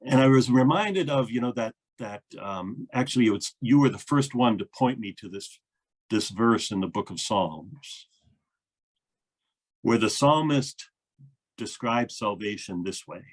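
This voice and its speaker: A man's voice: mid-range voice, expressive, unhurried. A man, a minister, interviewing a guest in an earnest, thoughtful way with frequent fillers. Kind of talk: reflective conversation.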